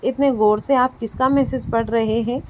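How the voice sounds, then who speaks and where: A woman's voice: fairly high pitch, steady tone, moderate pace, darkish tone, a little hiss or hum, close to an everyday voice. A woman reading the lines of a playful, feverish twenty-year-old wife in a storybook tale, teasing and a little pouting. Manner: teasing, childlike, mildly pouting.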